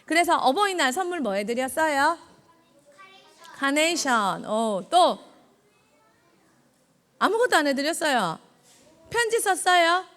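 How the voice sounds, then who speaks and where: A woman preaches a children's sermon in a high, bright voice. Her pitch swoops up and down. She keeps quizzing the children and repeating their answers back to them. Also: sing-song, a little slow, long pauses. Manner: acts out God's words in quoted lines. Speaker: junior evangelist.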